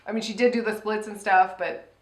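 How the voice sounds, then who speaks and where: A woman's voice: medium pitch, steady tone, fairly quick. A woman co-hosting a casual review chat, talking animatedly, laughing often and acting out quoted voices. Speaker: podcast co-host. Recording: echoey room.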